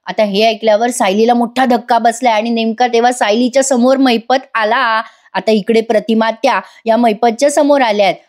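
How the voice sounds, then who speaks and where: A woman giving a voice-over recap of a TV serial, telling it in a lively way and speaking straight to her viewers. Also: fairly high pitch, normal speed. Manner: lively storytelling, addresses viewers directly. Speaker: serial reviewer.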